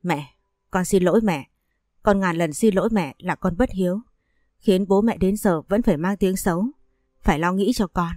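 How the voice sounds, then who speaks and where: Woman narrator as a heartbroken young teacher, pleading and tearful, low dark voice. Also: normal speed, dry recording, studio quality, lightly acted. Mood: apologetic.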